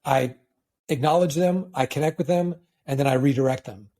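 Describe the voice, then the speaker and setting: A man's voice: medium pitch, normal speed, mellow. A man speaking as a sales coach in an interview, telling stories animatedly and acting out the lines he quotes. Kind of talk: conversational interview answer.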